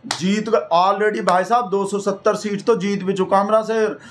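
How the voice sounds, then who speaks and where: Male comic, high-ish voice, mock-devoted rambling satirical monologue. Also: flat delivery, moderate pace, a little hiss or hum. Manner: mock-devoted rambling, repeats "bhai sahab" constantly. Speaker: satirical comedian in character.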